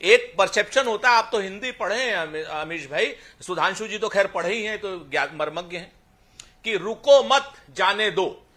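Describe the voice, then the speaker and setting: A man with a high, bright, forceful voice argues as a party spokesperson in a televised debate. He is rhetorical and insistent, quoting verses and stacking repeated phrases for effect. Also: moderate pace. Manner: rhetorical, recites couplets, emphatic and insistent.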